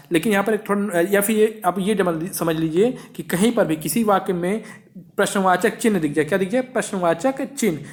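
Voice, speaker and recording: A man teaching an exam-prep grammar lesson, who keeps asking questions and answering them himself. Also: high voice.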